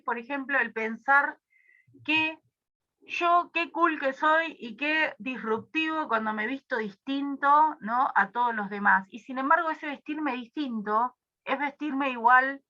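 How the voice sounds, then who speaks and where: A woman's voice: on the high side, pushed and bright, dull audio. Rambling Argentine woman tutoring online. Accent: Rioplatense Spanish. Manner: casual, rambling, with many fillers. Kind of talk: online review class.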